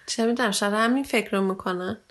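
A woman co-hosting a casual podcast in a playful, scatterbrained way, with short informal remarks. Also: medium pitch. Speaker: podcast co-host. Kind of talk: casual co-hosted podcast chat.

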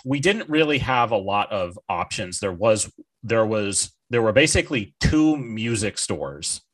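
Very deep-voiced rambling man in his thirties. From northern New Hampshire, USA. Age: 30s. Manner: rambling, repeats words, laughs easily. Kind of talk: casual podcast chat.

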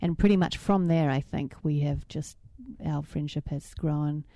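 A middle-aged woman with a New Zealand accent and a low, mellow voice, talking as a co-host. She chats in a relaxed, rambling way with plenty of ums and uhs. The sound is dry and close. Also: measured pace, no room sound. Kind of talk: casual chat.

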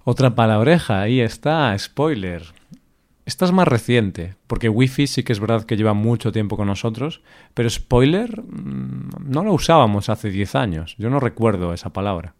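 Relaxed man musing on words. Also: lowish voice, moderate pace. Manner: relaxed, thinks aloud with fillers. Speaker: podcast co-host. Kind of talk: casual chat about Spanish loanwords.

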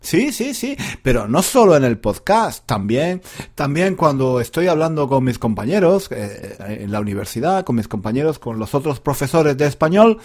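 Animated playful male teacher. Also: mid-range voice, moderate pace. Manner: repetitive, playful, self-deprecating. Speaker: podcast host and Spanish teacher. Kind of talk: teaching Spanish podcast.

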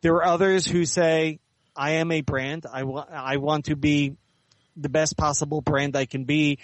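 An author and editor answers interview questions in conversation, his replies measured, articulate, and explanatory. His voice is on the high side with a level tone, and the recording is dry.

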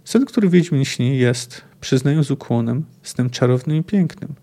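A man reading aloud the lines of a calm, courteous male vampire with a formal, courtly manner. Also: mid-range voice, normal speed.

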